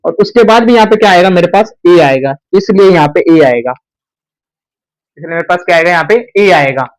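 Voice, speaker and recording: A man's voice: high-pitched, expressive, brisk, low-quality recording. A young man teaching an English grammar lesson at a board, who asks the class questions and answers them himself.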